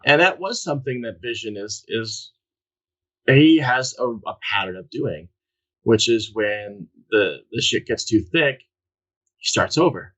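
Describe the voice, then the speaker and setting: A man's voice: on the low side, expressive, a little slow, fairly bright tone, low-quality recording. Blunt, candid man chatting about comics. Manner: candid, swears casually, meandering with fillers. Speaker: podcast co-host. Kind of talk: casual chat about comics.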